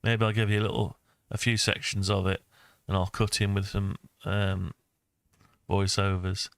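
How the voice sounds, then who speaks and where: This screen-recorded tutorial is narrated by an older man who makes things and hosts videos, his low, smooth voice flat and casual as he rambles and thinks aloud. He talks at normal speed, and the desk-microphone sound is close and dry without echo.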